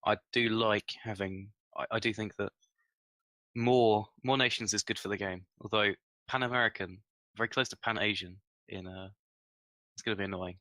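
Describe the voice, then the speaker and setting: A man's voice: on the low side, fairly even intonation, moderate pace, sharp tone, dry recording. A man giving his opinions in a casual gaming discussion as a podcast panelist.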